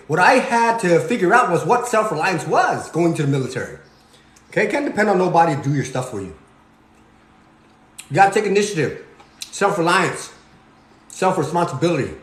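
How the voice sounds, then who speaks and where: A man's voice: high voice, echoey room. Cambodian-born man giving a preachy pep talk. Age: 40s. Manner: preachy, repeats "okay?" and "you guys". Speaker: fitness vlogger. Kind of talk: motivational talk while cooking. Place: home kitchen.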